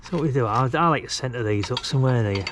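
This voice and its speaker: Here a middle-aged amateur radio hobbyist talks quickly in a mid-range voice, filming a DIY demonstration beside a brick house wall. His chat is casual, colloquial and laid-back, rambling as he thinks aloud. Ambient traffic makes the outdoor recording noisy.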